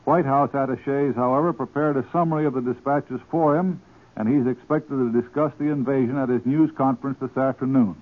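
A male correspondent delivering a wartime report in a formal, steady manner, heard on an old 1940s radio broadcast. The sound is thin and tinny like an archive newsreel, his voice in a mid pitch range. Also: a little fast.

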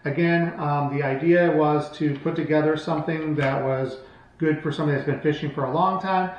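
A fishing channel host with a fairly high, fairly even voice vlogs casually and briskly, showcasing products without a script. He's recorded by a camera mic across a table in a small, hard-walled room at home, giving lo-fi sound, strong echo, and faint background noise.

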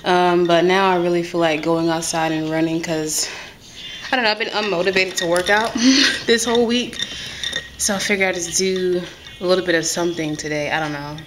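Chatty woman vlogger over loud noise. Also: fairly low pitch, fairly even intonation, moderate pace. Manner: chatty and rambling, laughs often. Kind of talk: casual vlog chat.

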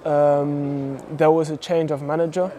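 Young French man, mellow relaxed voice. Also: a little high, a little slow. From France. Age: young adult. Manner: relaxed, many fillers and repeated yeahs. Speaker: footballer guest. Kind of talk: casual interview. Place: indoor football training hall. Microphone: clip-on lapel mic.

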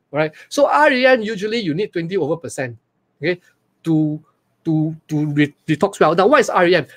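A forty-something online business coach with a Malaysian English accent speaks over a webcam on a video call, giving a live webinar from a small room. His voice is a little high, and his energetic, repetitive talk is full of questions to listeners.

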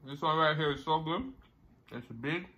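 A man's voice: on the high side, moderate pace, bright, forceful tone, muffled recording. A man, hosting an eating video, talking while chewing and humming between mouthfuls. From Jamaica. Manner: talks between mouthfuls with satisfied hums. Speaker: mukbang host. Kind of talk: casual eating chat.

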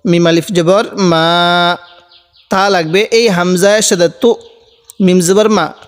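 Man, Quran reading teacher, high voice, unhurried, spells words syllable by syllable, long reverb. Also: fairly even intonation. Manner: slow, drawn-out syllable-by-syllable spelling and recitation. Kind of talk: spelling out Quran recitation lesson.

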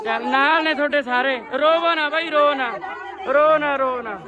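A man, reporting live for his vlog from an outdoor village gathering. He talks in a lively, repetitive way and calls out slogans, filmed on a handheld phone. A loud crowd chatters all around him. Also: extremely high pitch, measured pace, background noise.

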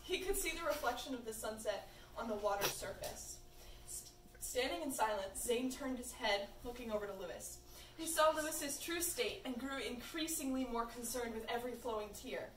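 A woman's voice: on the high side, normal speed, fairly bright tone. A teenage girl reading fan fiction aloud in a playful way, hamming up the quoted lines. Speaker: fanfiction reader. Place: room at a birthday party. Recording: echoey room, far from the mic, faint noise.

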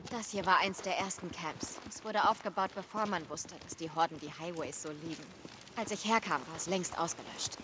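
A woman's voice: fairly low pitch, brisk, natural voice. A woman playing a cautious, practical survivor in a zombie-wasteland video game. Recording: game noise over the voice. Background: game ambience.

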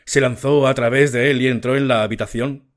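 A man reading a fairy tale as an audiobook narrator, slow and measured. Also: mid-range voice, fairly even intonation.

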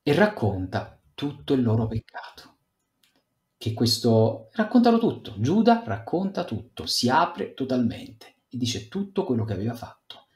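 A man's voice: medium pitch, sing-song, a little slow, darkish tone. A man teaching a youth group over a video call, retelling a scripture story with read passages, loose commentary and fillers. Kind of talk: Bible talk given over a video conference. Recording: echoey room.

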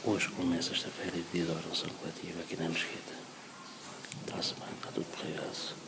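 A man in his thirties with a European Portuguese accent, whispering softly into a phone held close while he vlogs indoors at a mosque. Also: low-pitched, monotone, quick pace, gravelly, heavy background noise. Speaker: vlogger. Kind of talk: casual vlog.

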